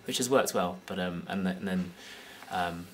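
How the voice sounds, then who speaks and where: A man's voice: deep voice, normal speed, a little hiss or hum. A young man from the UK with an English accent, answering interview questions with a lot of hesitation and filler. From United Kingdom. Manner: hesitant, many fillers and restarts. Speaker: guest.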